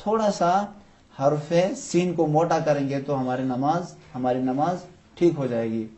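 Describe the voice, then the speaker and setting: Patient male Quran teacher, slightly high voice. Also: dark tone. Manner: patient, poses questions then answers them; slowly draws out example words to demonstrate. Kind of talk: tajweed lesson for children.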